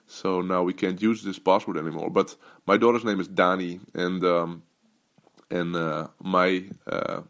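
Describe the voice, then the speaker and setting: A man's voice: low voice, steady tone, unhurried, a bit bright. A Dutch man hosting his own podcast as a business coach, talking loosely with many fillers and restarts. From Netherlands. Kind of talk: casual solo podcast talk.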